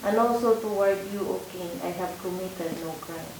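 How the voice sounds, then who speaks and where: A woman's voice: on the low side, moderate pace, darkish tone. Woman reading scripture from afar, echoey. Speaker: congregation member reading aloud. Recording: distant, echoey room with hiss.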